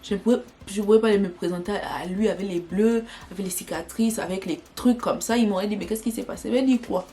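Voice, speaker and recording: A young woman telling a personal story in an animated, dramatic way for her vlog. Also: mid-range voice, fast talker, few pauses, soft background music. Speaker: vlogger.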